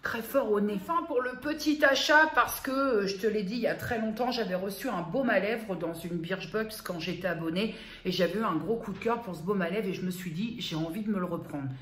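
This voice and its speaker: A woman's voice: mid-range voice, brisk, a bit bright. A woman vlogger chatting casually and familiarly to her viewer, a little self-mocking. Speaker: beauty vlogger. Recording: roomy echo, faint background noise.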